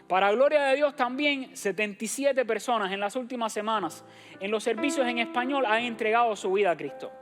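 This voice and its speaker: A man's voice: very high voice, brisk, fairly bright tone, soft background music. Pastor encouraging his congregation. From Cuba. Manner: direct and encouraging, addresses the congregation as brothers and sisters. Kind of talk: church announcements and exhortation. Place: church sanctuary.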